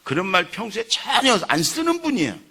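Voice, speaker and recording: A male pastor preaching a sermon in church, telling stories with acted-out quotes and building to loud emphasis. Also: high voice, wildly swooping pitch, fairly quick, vocal fry, husky. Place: church sanctuary.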